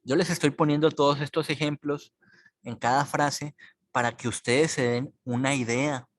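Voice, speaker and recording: A man teaching a class, explaining slowly and patiently and repeating words so students follow. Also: on the high side, fairly even intonation, dry recording. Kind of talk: recorded online class explanation.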